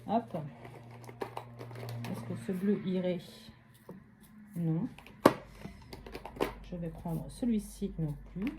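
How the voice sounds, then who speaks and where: Crafting vlogger, woman from France: slow, low-pitched, narrates each step casually with fillers. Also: very noisy.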